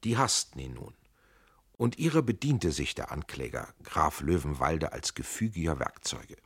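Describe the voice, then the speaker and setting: Deep husky male audiobook narrator. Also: no echo, clean studio sound.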